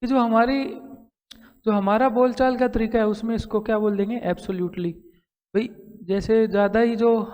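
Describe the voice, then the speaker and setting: A man's voice: high-pitched, a little mellow, clean tone, long reverb tail. A man teaching English grammar and pronunciation, explaining step by step and asking rhetorical questions as he lectures. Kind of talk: classroom lecture. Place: school classroom.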